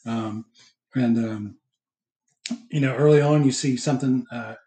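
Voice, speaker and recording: A man's voice: mid-range voice, a little slow, mellow. A man hosting a casual film chat in a hesitant, rambling way. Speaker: podcast host. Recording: echoey, roomy sound.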